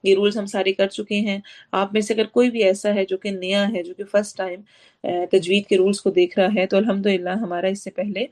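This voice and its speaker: A woman teaches a Quran recitation lesson in a voice of ordinary pitch. Her tone is instructive and patient. She pauses to ask her own questions, and she chants Arabic words slowly before moving briskly through each rule. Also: little pitch movement, a little mellow. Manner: drawn-out demonstrations of Arabic words between brisk explanations. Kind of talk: tajweed lesson explaining recitation rules.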